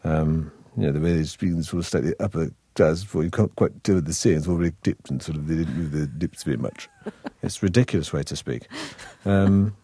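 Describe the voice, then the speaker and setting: A man with a very deep, dark and husky voice talks a little fast in the Manchester accent of northern England. He's an actor in a relaxed interview, wry and hesitant, frequently starting over. There's no echo on the recording.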